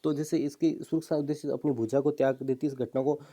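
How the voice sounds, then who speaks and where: A man's voice: mid-range voice, little pitch movement, fast, warm tone. A man teaching an exam-prep biology lesson, explaining step by step, repeating terms and asking himself questions. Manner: drops in fillers, "ठीक है" and "है ना".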